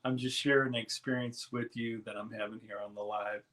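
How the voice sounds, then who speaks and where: Male live streamer, mid pitch, easygoing and rambling, casual chat with viewers. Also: fairly quick. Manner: relaxed, rambling, reads chat aloud.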